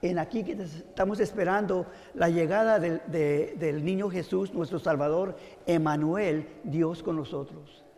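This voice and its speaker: A man with a high, gravelly voice delivers a sermon, often turning to his listeners with rhetorical questions as he tells a story. His voice carries a long reverb, as if he is recorded in a large hall. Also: unhurried, few pauses, darkish tone. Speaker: preacher.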